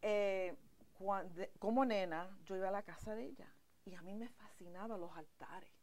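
A woman's voice: medium pitch, normal speed, a little mellow. A woman from New York, a painter, telling her story in her studio and slipping English words into her Spanish. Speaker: painter, interview guest. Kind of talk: casual interview.

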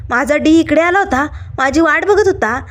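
Woman doing a young office girl, flustered, dodging questions, high voice. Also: lively intonation, moderate pace, fairly bright tone. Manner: evasive, flustered.

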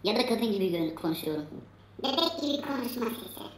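A man's voice: very high voice, sing-song, quick pace, echoey room. A man playing back his own speech through a phone voice-changer filter set to a woman's and baby's voice. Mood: playful. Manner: playful demo of voice effects. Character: high filtered woman or baby voice. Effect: voice-changer app filter, female and baby settings.

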